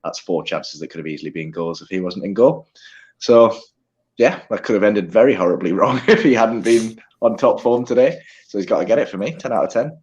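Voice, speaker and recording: A man giving a steady football verdict in a casual chat, laughing easily. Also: lowish voice, brisk. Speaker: co-host, football fan. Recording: dull lo-fi sound.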